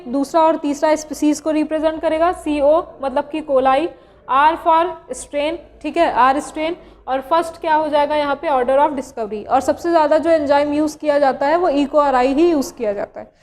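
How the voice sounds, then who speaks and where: A woman's voice: sits high, darkish tone, big-room sound. A woman biology teacher from India, explaining slides in a classroom lecture, repeating key terms and asking rhetorical questions.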